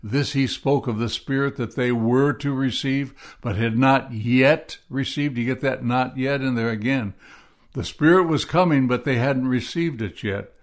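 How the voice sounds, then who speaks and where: A middle-aged man teaching on a devotional podcast, earnest and reflective, reading scripture slowly. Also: medium pitch. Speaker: podcast preacher.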